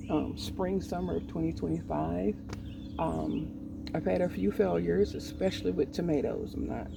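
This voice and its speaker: A woman in her forties talks candidly in her garden, slow and hesitant with plenty of ums. Her voice is dark and gravelly. The mic sits away from her, with faint outdoor noise and birds behind. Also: sits low, far from the mic. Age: 40s. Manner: hesitant, with many pauses and ums. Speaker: vlogger. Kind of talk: candid personal talk. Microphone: poor mic set away from the speaker.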